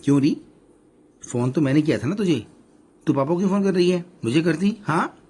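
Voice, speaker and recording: A man voicing a sharp-tongued middle-aged wife who teases and scolds her husband. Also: medium pitch, expressive, unhurried, breathy edge. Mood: scolding. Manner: scolding, bossy.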